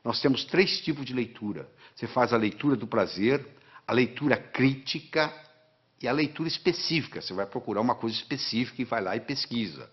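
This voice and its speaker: A man's voice: medium pitch, animated, fairly quick, breathy edge. Guy teaching study tricks, medium voice, repeats stuff for emphasis, bit muffled. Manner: didactic, emphatic, counts out steps and repeats key phrases. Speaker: guest teaching study techniques. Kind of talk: instructional talk.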